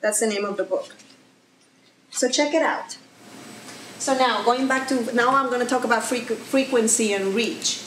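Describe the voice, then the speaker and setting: A woman with a Mexican accent giving a lively presentation to an audience in a room, talking with fillers and restarts. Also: a little high, normal speed, pauses often, slight background noise. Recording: echoey room, faint ambience.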